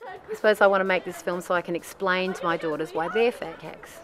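A middle-aged woman tells her own story in a candid, chatty documentary narration, her voice sitting a little low. She keeps it light and self-deprecating, slipping small laughs between phrases. Faint music plays softly underneath. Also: brisk.

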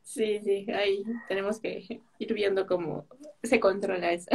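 A woman's voice: mid-range voice, takes it slowly, darkish tone, breathy edge. A middle-aged woman, hosting an interview over a video call from home in a friendly, chatty way. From coastal Mexico. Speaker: host. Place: room at home with patterned wall. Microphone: laptop video call.

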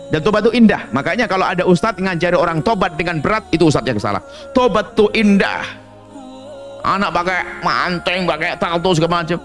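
A male preacher delivering a sermon with a lively, swooping delivery and a fairly high voice. He tells stories and acts out short exchanges as he teaches. Faint music sits under his voice. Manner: animated storytelling with acted dialogue and laughter.

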